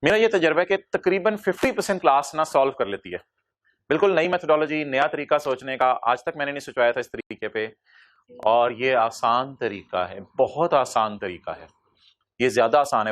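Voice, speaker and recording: A male accounting lecturer, teaching a class by firing quick questions at the students and answering them himself. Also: medium pitch, expressive, fairly bright tone.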